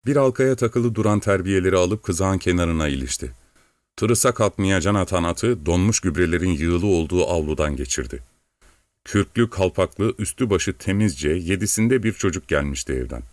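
A man with a deep, low voice narrates an audiobook. His reading is steady and measured. The recording is dry and close. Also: no echo.

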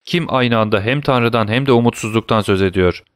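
A man's voice: fairly low pitch, dry recording, studio quality, natural voice. A man voicing a wary old prisoner behind a wall. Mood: questioning. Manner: terse, questioning, hurried. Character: old male prisoner, muffled voice through a wall, cautious.

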